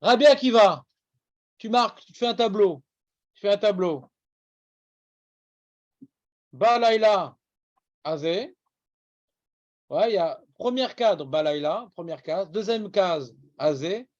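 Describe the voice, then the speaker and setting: A man with an Iranian accent teaching a Talmud lesson to a class, brisk and teasing, scolding students. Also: high voice, animated, a little mellow, no echo, lo-fi sound.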